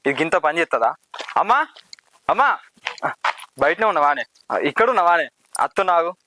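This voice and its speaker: An actor with a Telangana Telugu accent playing a proud young village postman who is quick to get indignant. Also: fairly high pitch, animated, sharp tone, a little hiss or hum. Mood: upset. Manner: pleading, then heated and indignant. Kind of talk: village drama acting.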